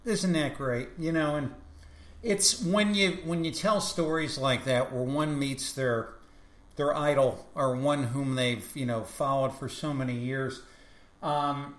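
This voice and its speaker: A man's voice: mid-range voice, steady tone, a little slow. A man hosting the show, making reflective, joking remarks about a guest's story. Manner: reflective, jokey asides. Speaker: host. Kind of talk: casual chat. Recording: roomy echo.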